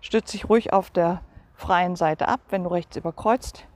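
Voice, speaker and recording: A woman leading a guided movement session as a coach, giving calm step-by-step cues and counting repetitions. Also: on the low side, moderate pace. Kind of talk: guided exercise instruction.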